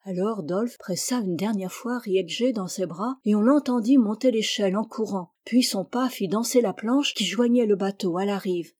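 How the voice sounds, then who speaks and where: A woman reading a classic story aloud in a measured, descriptive way. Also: medium pitch, darkish tone, no echo, clean studio sound. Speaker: reader. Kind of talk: scripted narration, audiobook.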